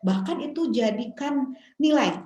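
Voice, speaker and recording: A woman's voice: sits high, expressive, a little slow, warm tone. A woman with a Sundanese-tinged Indonesian accent giving a parenting seminar, telling stories with animation and acting out parents' and children's lines. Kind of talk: seminar talk. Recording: echoey room.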